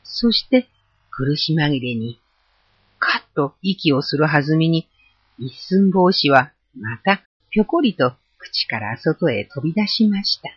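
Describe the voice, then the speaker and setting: A storyteller reads a folk tale aloud with a lively, expressive delivery. The voice is husky, and its pitch moves a lot. The recording is dull and lo-fi. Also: measured pace, dry recording.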